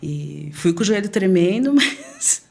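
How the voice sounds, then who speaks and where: A middle-aged woman with a Brazilian São Paulo-area accent, chatting as a guest in an interview and telling animated stories with frequent laughs. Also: mid-range voice, measured pace, gravelly. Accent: Brazilian Portuguese, São Paulo area. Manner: animated storyteller, laughs often. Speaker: guest, bar association president. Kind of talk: casual interview chat.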